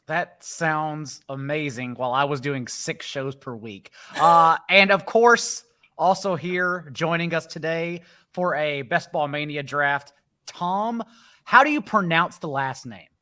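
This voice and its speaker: Male show host, brisk and joking, bright slightly high voice. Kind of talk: casual podcast chat.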